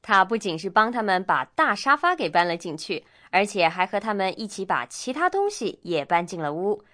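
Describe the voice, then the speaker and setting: A woman's voice: medium pitch, big pitch swings, fairly quick, bright, forceful tone. A woman co-hosting a scripted radio English lesson, explaining in a chatty way. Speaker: language lesson co-host.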